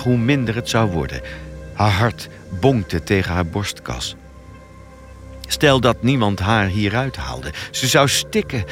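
A man narrating a thriller audiobook with an expressive, dramatic reading. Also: lowish voice.

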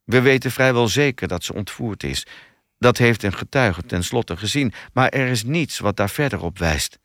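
A man's voice: mid-range voice, lively intonation, moderate pace, a bit bright, no room sound, clean studio sound. A man voicing a frustrated, impatient male police detective who grumbles restlessly.

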